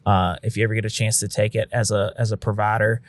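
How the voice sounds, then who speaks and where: Casting: male paramedic on a podcast, lowish voice, frank and casual, dry close sound. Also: flat delivery, quick pace, no room sound. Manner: frank, conversational, uses occasional swearing; acts out quotes of what he'd say to patients. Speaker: paramedic and instructor.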